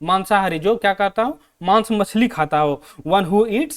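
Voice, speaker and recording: In this exam-prep lesson, a high-pitched Indian man with a Hindi accent moves between Hindi and English. He reads English sentences out slowly and keeps repeating questions to the class before answering them himself.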